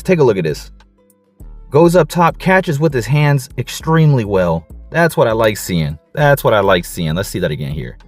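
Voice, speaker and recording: A man coaching and breaking down football game film, excited, casual, and repeating his catchphrases. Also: mid-range voice.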